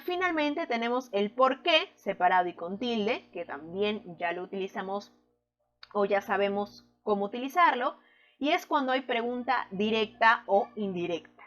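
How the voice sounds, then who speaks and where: A woman with a somewhat high voice teaches a recorded grammar lesson. She explains each rule patiently and slows down to stress the key points. She keeps checking in with her students through short tag questions. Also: a bit bright, lo-fi sound.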